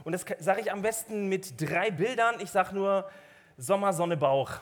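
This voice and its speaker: A man in his thirties hosts a lively church gathering from the stage of a dark club venue. His voice sits a little high, and he jokes with the crowd, calling them to stand and clap. He speaks through a stage microphone. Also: normal speed. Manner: upbeat, joking, directing the crowd. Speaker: church service host.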